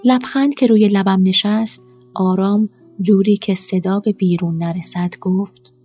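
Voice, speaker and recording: A woman narrating a first-person story in a quiet, measured way. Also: mid-range voice, steady tone, slightly rough, faint music behind.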